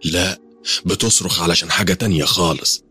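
A man's voice: low voice, fairly even intonation, fairly quick, sharp tone, breathy edge, faint music behind, exaggerated voice. A man with an Egyptian accent voicing a strange veiled woman who insists she sees spirits around people, speaking in an ominous, matter-of-fact way. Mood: ominous insistent.

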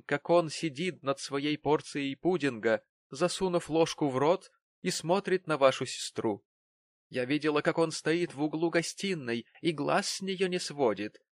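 A man voicing a gushing, melodramatic middle-aged landlady in an audiobook reading, raised high and full of effusive sighs. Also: no echo, close to an everyday voice.

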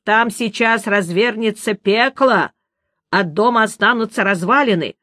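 A woman voicing a grim male priest who speaks slowly and gravely. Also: mid-range voice, a bit bright, dry recording, clean studio sound, lightly acted. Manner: slow, grave, deliberate. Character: grim older male priest, slow and ominous.

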